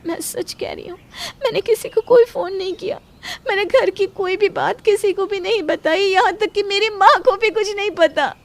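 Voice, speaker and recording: Woman doing a young bride, high voice, earnest, pleading. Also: moderate pace, hardly any pauses.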